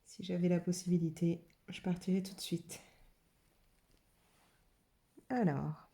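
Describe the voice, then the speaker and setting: Chatty French woman, low mellow voice. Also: steady tone, unhurried. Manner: chatty, thinking aloud with many fillers. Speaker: watercolour channel host. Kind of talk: casual art demo narration.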